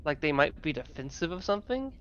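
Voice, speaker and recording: A man's voice: a little high, sing-song, quick pace, fairly bright tone, smooth, lo-fi sound. A man narrating a tabletop game as game master, improvising in a hesitant, self-correcting way.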